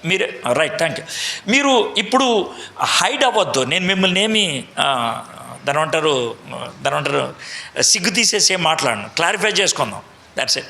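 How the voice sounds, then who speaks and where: A man's voice: fairly high pitch, big pitch swings, normal speed, vocal fry, pushed and bright, reverberant. A man teaching a Bible lesson to a meeting, quizzing the audience and mixing in English phrases. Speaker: preacher. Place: large meeting hall.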